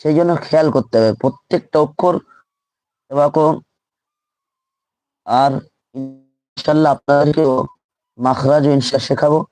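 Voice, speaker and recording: A man's voice: a little high, unhurried, long pauses, darkish tone. A man teaching Quran reading in a live online lesson, drilling letters and syllables aloud and repeating each one patiently.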